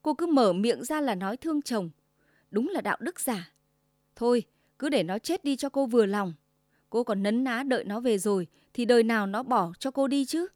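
Woman doing a bossy old mother-in-law, shrill and sharp, scolds loud and high. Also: moderate pace, no room sound, studio quality, lightly acted. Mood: harsh. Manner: shrill, commanding, sugary then scolding.

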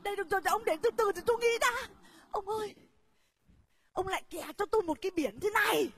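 An actress playing a flustered, scheming rural wife in a stage comedy sketch, wailing and shouting her exclamations. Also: very high voice, quick pace. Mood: excited. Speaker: comic stage actor.

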